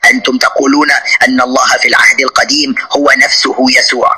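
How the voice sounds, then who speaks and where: Raspy, sharp-voiced combative man. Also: mid-range voice, fairly even intonation, fast talker, rough recording. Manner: combative, scornful, interrupting with insults. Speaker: sheikh hosting a live debate. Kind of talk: heated religious debate.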